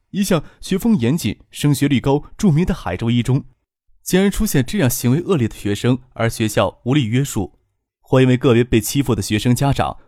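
A man narrating a novel as scripted audiobook reading, with a lively, expressive delivery. His pitch moves a lot across each line. The sound is dry and close to a studio mic. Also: no room sound.

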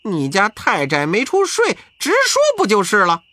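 A storyteller voicing a cheeky, boastful monkey king who talks loud and fast. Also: mid-range voice, wildly swooping pitch, no echo, voice pushed up. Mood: impatient. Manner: shouting, quick and cocky. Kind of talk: children's storybook narration.

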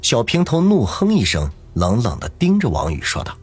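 A man's voice: medium pitch, wildly swooping pitch, moderate pace, breathy edge. A man narrating a novel as an audiobook, with dramatic storytelling. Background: faint music.

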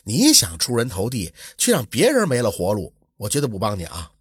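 A man voicing a shrewd, upright village man in a folk tale, speaking calmly and reasoning things through in a low, husky voice. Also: fairly quick, dry recording, clean studio sound, full character voice. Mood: earnest.

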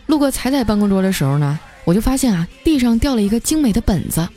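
A woman host narrating a funny everyday story in a playful, animated way. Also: fairly high pitch, fast, faint music behind. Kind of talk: comic bedtime story narration.

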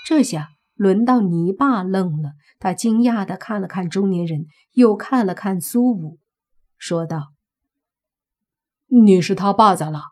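A woman narrating an audiobook in a calm, unhurried storytelling manner. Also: medium pitch.

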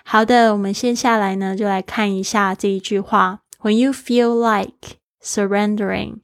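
A woman's voice: medium pitch, steady tone, measured pace, vocal fry, dry recording. Woman, english teacher, encouraging, spells words out, dry close sound. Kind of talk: daily English lesson.

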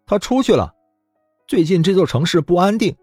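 A man voicing an eager, cheerful young man in an audio novel, talking higher and brighter than his narration. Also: lively intonation, normal speed, husky, dry recording, studio quality, faint music behind.

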